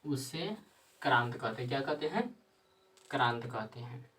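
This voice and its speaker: A man teaching a grammar lesson, repeating himself and answering his own questions, sometimes dictating slowly word by word. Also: mid-range voice, lively intonation, fairly bright tone, distant mic, low-quality recording.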